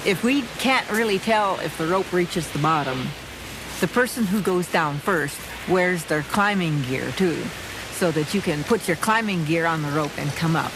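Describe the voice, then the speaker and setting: A woman's voice: on the low side, lively intonation, moderate pace. A woman caver explaining her practice in an interview, recorded on location with hissy, watery noise.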